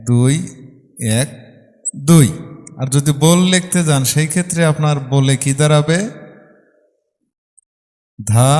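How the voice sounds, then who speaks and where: Bangladeshi guy teaching music, kinda high voice, counts beats, sings little bits slow, room has a long echo. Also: darkish tone. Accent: Bangladeshi Bengali. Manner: patient and explanatory, counts beats aloud and sings short phrases slowly. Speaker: harmonium and singing teacher. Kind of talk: music lesson explaining rhythm and counting beats.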